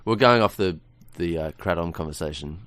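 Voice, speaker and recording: A man's voice: low-pitched, brisk, fairly bright tone, dry recording. A middle-aged man, a radio guest, talking in a rambling, casual way with many restarts and frequent laughs, in a studio.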